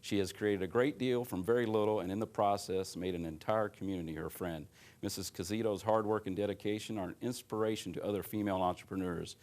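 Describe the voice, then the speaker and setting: A man with a very low voice hosts a local TV interview show. He reads a polished introduction and asks questions in a calm, encouraging manner, adding frequent short acknowledgments. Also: fast talker.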